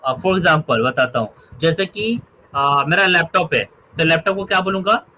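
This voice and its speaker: A man's voice: on the high side, a little slow, bright, forceful tone, low-quality recording. A man teaching a grammar lesson, explaining through examples and often checking that his students follow. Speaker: English teacher.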